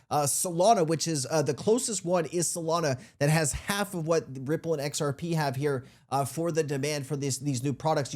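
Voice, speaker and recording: A man's voice: on the high side, a little mellow. A man hosting a casual commentary show, talking informally to viewers with a slightly thick voice from a sore throat. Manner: informal, addresses viewers as guys. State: sore throat, feeling unwell. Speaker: crypto show host. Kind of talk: casual commentary on played clips.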